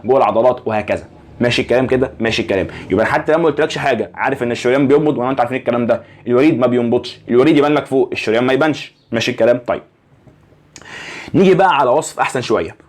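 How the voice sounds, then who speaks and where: A man's voice: mid-range voice, darkish tone. A young man with an Egyptian Arabic accent teaching anatomy in a casual, conversational way, often asking the listener rhetorical questions to check they follow. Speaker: anatomy lecturer.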